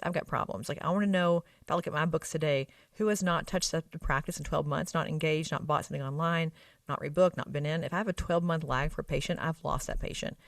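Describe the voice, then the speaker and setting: Fast-talking woman with an Arkansas accent. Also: sits low, no echo, clean studio sound, far from the mic. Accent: Arkansas Southern US. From Arkansas, United States. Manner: emphatic and explanatory, with frequent tag questions. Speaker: guest expert on medical spa practice operations. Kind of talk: conversational expert interview answer.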